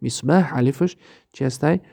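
A male teacher with a Tajik accent talks through a grammar lesson, going over each step with patient repetition and frequent checks that his listeners are following. His voice is gravelly and mellow, and his pitch sits in the middle. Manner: explains slowly, often asks "understood?" and repeats words. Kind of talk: recorded lesson.

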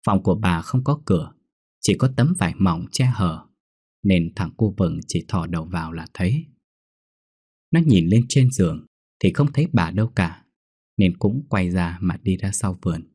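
Deep, husky male horror narrator. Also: lively intonation, moderate pace, darkish tone, no echo, studio quality. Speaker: storyteller. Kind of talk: scripted horror story narration.

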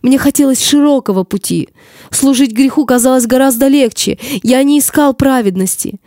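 A woman's voice: sits high, moderate pace, dark tone, no room sound, clean studio sound, pitched above the performer's own voice, natural voice. Woman reading as a regretful damned man. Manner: regretful, confessional.

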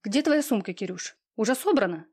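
A woman voicing a timid, hurt young woman in an audiobook, speaking softly and pleadingly. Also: a little high, lively intonation, fairly quick, breathy edge. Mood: cold. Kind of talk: audiobook reading.

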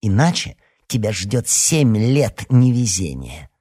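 A man's voice: mid-range voice, lively intonation, moderate pace, creaky, dark tone, slightly rough, pitched above the performer's own voice. A man reading an audiobook, voicing a touchy, indignant teenage schoolgirl. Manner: indignant, snappy.

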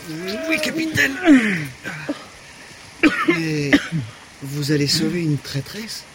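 Weak young sailor, radio drama, soft wondering voice, bit high. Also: male voice, big pitch swings, drawn-out words, creaky, noisy background, heavily acted. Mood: anxious. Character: young dreamy male sailor, weakened.

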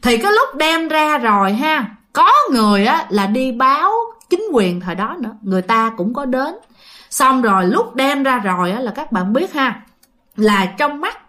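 A woman's voice: a little high, sharp tone. A woman with a Southern Vietnamese accent telling a ghost story in a chatty, dramatic way, often addressing her listeners directly. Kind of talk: casual spoken storytelling.

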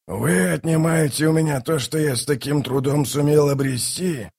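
A man's voice: a little high, moderate pace, creaky, slightly rough. A man voicing a scornful ancient tyrant king in an audiobook, mocking and boastful. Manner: mocking, boastful, erupts into shouting. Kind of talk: audiobook character voice.

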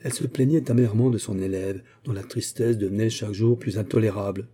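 Male audiobook narrator, measured and literary, dark husky tone, low-set voice. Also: fairly even intonation. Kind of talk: audiobook reading of a classic novel.

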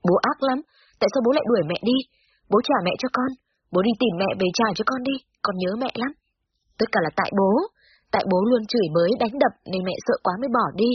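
A woman's voice: medium pitch, brisk, background noise, natural voice. A woman voicing a distraught girl of nine or ten who pleads through sobs, in a slightly dull lo-fi recording. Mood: accusing. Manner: sobbing, pleading.

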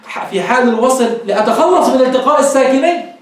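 A man's voice: extremely high pitch, fast. A man teaching a grammar lesson, explaining step by step and quizzing his class. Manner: explains step by step, asks the class questions and answers them. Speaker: sheikh teaching Arabic grammar. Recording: very echoey room, mic far off.

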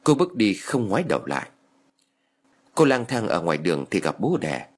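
A man narrating an audiobook story with expressive storytelling. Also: low voice, a little fast, slightly rough.

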